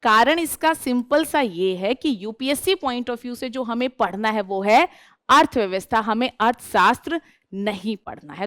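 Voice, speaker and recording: High-voiced woman teacher posing questions. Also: fairly bright tone, dry recording, studio quality. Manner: asks the class questions and answers them herself. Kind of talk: classroom lecture.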